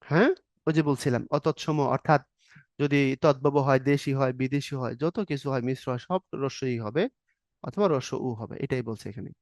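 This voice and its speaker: A man's voice: mid-range voice, moderate pace, a little mellow, no room sound, clean studio sound. A man teaching an exam-prep Bangla grammar lesson, explaining step by step, acting out short example questions and answers, and often checking that the students are following.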